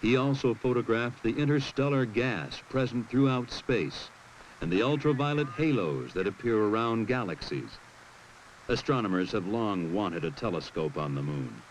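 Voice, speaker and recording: A man with a fairly low voice delivers scripted documentary narration. There is faint noise behind him. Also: lively intonation, normal speed, rough recording.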